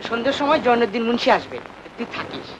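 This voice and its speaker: A fussy older brother. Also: male voice, very high voice, expressive, very fast, background noise. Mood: coaxing. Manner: scolding, coaxing.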